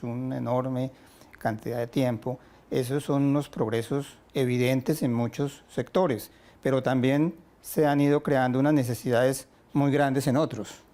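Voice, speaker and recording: A man, hosting an interview and asking formal, measured questions. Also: mid-range voice, mellow. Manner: measured and formal, with some restarts.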